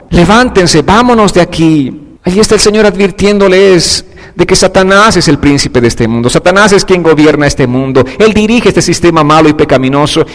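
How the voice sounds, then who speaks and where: A man preaching a sermon, his voice sitting high for a man. He drops to hushed, low lines and then climbs into raised, emphatic declarations, and a long reverb trails behind him in a church hall. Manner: swings between quiet low passages and raised, emphatic preaching. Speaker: pastor.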